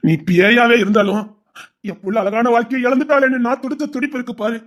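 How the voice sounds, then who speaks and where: A man's voice: very high-pitched, fairly even intonation, fast, a bit bright. An actor with a Tirunelveli Tamil accent playing a stern, remorseful older father who scolds and then pleads with his daughter. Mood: pleading.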